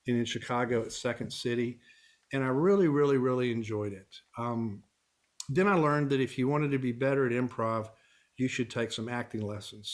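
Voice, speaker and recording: A middle-aged man from Texas, a guest on an interview show, telling stories in an easygoing way and chuckling now and then. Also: mid-range voice. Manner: easygoing storyteller, chuckles while talking. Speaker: guest, family law attorney and actor. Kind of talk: casual interview conversation.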